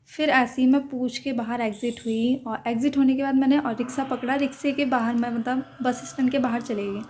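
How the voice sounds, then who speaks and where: A woman's voice: a little high, a little mellow, a little hiss or hum. A young woman, chatting casually to her phone camera in a vlog, full of fillers as she recounts things. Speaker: vlogger.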